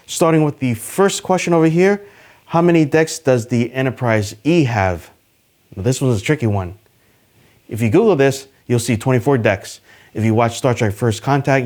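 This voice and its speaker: A man hosting a casual trivia video, talking to the camera in an upbeat, chatty way with plenty of fillers. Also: darkish tone. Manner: enthusiastic, pitch jumps on list numbers. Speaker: YouTube host.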